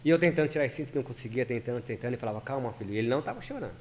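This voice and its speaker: A man speaks as a podcast guest, rattling off his story at a quick clip. His voice sits in an ordinary middle pitch, and he talks earnestly, stumbling and restarting as he goes. He comes across as a lay preacher chatting casually. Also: expressive, a little hiss or hum. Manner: earnest, fast, with many repeats and restarts.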